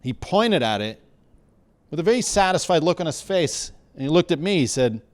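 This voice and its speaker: A man doing stand-up comedy, telling a story with animated, acted-out dialogue and shouted outbursts. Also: on the high side, normal speed. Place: comedy bar stage.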